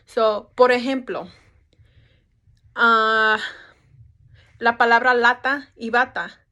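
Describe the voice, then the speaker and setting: Young woman, student presenter, somewhat high voice, casual explaining, restarts, English fillers. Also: steady tone, drawn-out words, sharp tone. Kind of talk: class presentation.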